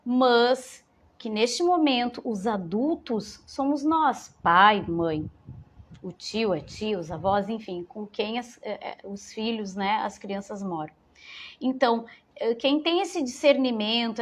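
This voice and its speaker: A woman, giving an informal parenting talk to mothers and often rephrasing as she goes. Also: fairly high pitch. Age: 40s. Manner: warm, conversational, repeats and rephrases phrases. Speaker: educator speaking to mothers.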